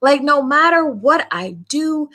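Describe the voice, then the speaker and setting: A woman's voice: high voice, expressive, a little slow, bright, forceful tone. A woman from Virginia in her late thirties, co-hosting a podcast and talking earnestly and reflectively, with many fillers. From Virginia, US South. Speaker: podcast co-host. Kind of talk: casual conversational podcast.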